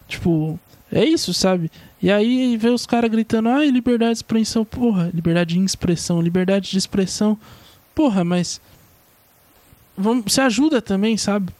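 High-voiced young Brazilian man ranting. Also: darkish tone, no room sound. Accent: Brazilian Portuguese. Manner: rambling, slangy, swears often. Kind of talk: casual opinion monologue.

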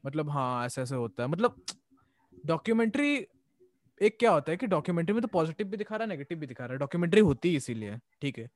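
Podcast host, young man, slightly high voice, dry close sound, loose rambling delivery. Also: big pitch swings, fast, dry recording. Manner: rambling, hedging with "okay?" tags. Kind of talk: casual chat.

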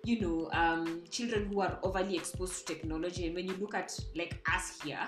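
A woman's voice: fairly low pitch, fairly even intonation, a little fast. Kenyan-accented woman interviewer over background music. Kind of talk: casual conversational interview. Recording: echoey room with clear background music.

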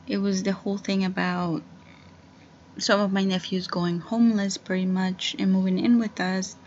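A woman's voice: medium pitch, darkish tone, highs cut off, slight background noise. A woman in her twenties rambling through a casual solo podcast, with lots of fillers and restarts. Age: 20s. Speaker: podcast host.

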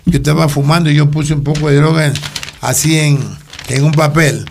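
Gravelly older man. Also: a little high, flat delivery, moderate pace, slight background noise. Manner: rambling storytelling with frequent restarts. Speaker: interviewee telling his life story. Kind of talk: personal testimony in an interview.

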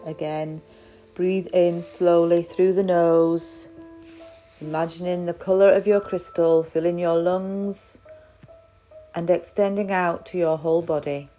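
A woman guiding a crystal meditation in a slow, soft, soothing way. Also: lowish voice, fairly even intonation, soft background music. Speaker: meditation guide.

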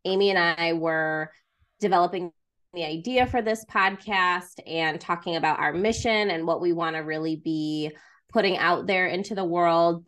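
Chatty low-voiced woman co-host. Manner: chatty, friendly, many "like" and "uh" fillers. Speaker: podcast co-host and trauma therapist. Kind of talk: casual podcast conversation. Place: remote recording, far from co-host.

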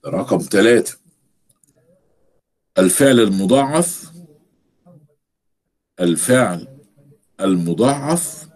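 Husky Egyptian man teaching grammar. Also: on the low side, expressive, a little mellow. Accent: Egyptian Arabic. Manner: explains step by step, repeats words slowly for stress. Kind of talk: recorded grammar lesson.

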